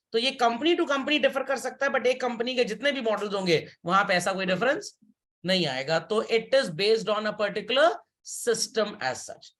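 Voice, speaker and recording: A man's voice: sits high, fairly bright tone. Male teacher lecturing a class, repeats the key stuff, keeps asking if everyone got it. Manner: explains with everyday examples and keeps checking that students follow; repeats key points for emphasis.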